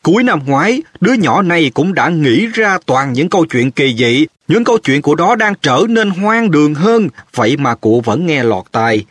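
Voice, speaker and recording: A man voicing a stubborn, indignant middle-aged male minister who blusters in a raised, husky voice. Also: a little high, sing-song, normal speed, few pauses, no echo, clean studio sound, voice pushed up. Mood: pleading.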